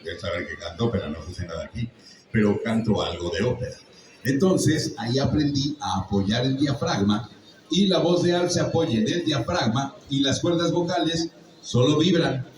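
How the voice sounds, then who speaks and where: A man's voice: medium pitch, lively intonation, moderate pace, slight background noise. An older man with a Mexican accent tells stories to a live audience in a chatty, joking, teaching way. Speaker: voice actor guest on a convention panel. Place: large echoey convention hall. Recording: echoey hall, voice from far off.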